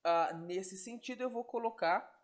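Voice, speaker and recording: A man teaching Greek in an online lesson, explaining step by step and checking in with quick tag questions. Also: high voice.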